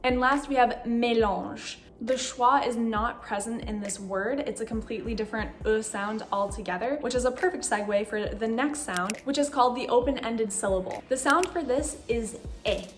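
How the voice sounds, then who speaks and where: A woman teaching pronunciation in a slow, careful instructional manner, sounding out words and single sounds deliberately. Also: fairly high pitch.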